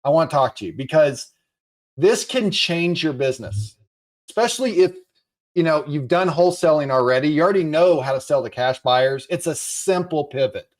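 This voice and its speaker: A man coaching real estate investors, giving an urgent, encouraging sales pitch and repeating his phrases. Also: animated, moderate pace.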